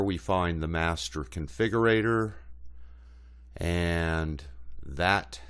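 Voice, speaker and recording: Slow, deep-voiced man explaining software. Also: clear, resonant tone. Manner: plainspoken, hesitant with frequent uh fillers. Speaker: channel host. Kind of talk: screen-recorded tutorial narration.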